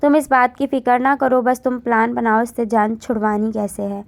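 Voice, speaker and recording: A woman voicing a scheming young wife in a spoken story, with a flat, dismissive manner. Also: on the high side, moderate pace, gravelly. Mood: sweet.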